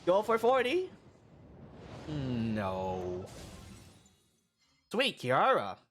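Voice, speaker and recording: A man streaming his game rolls in casual commentary, halting and rambling between excited bursts, with a morning voice. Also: on the high side, soft background music. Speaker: gaming streamer. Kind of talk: casual gacha-roll commentary.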